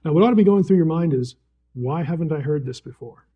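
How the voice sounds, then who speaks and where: A man's voice: fairly high pitch, expressive, fast, husky, phone-quality sound. A man teaching the Bible at a fellowship gathering, telling stories animatedly with frequent restarts and chuckles. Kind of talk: live talk to a gathering.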